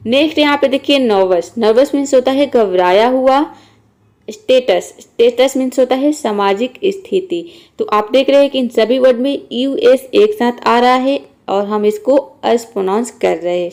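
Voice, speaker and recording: A woman's voice: on the high side, darkish tone. Patient woman teaching pronunciation rules. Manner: patient, repetitive, methodical. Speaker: English teacher. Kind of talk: spoken explanation of pronunciation rules.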